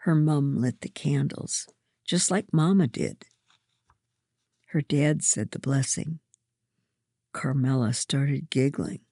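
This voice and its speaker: A woman reading a first-person story aloud in a gentle, measured way. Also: rumbling low, slightly rough, dry recording, clean studio sound. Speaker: narrator.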